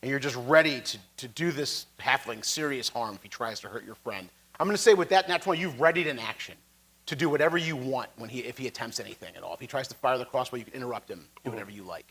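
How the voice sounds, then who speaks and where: A man narrating a tabletop role-playing game as game master, playful and animated, laughing often. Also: mid-range voice, fast, breathy edge.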